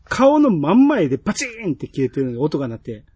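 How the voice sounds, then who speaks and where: Animated Kansai man chatting, husky voice. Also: a little high, fast talker. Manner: chatty, animated storytelling with acted-out quotes. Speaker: podcast co-host. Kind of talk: casual chat reviewing a TV drama.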